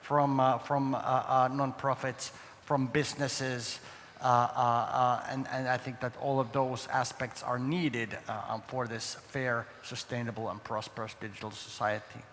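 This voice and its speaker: Man, Finnish accent, middle-aged, halting panel talk, echoing noisy hall. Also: medium pitch, flat delivery, a bit bright. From Finland. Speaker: guest speaker on open data. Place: large conference hall with ambient noise. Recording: noisy, long hall reverb.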